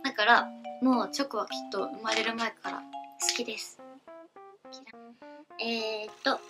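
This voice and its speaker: A young woman in her late teens with a Kansai accent, a newcomer voice actress chatting in a relaxed, giggly, rambling way for her first vlog. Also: a little high, a little slow, over music. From Kansai, Japan. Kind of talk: casual self-introduction vlog.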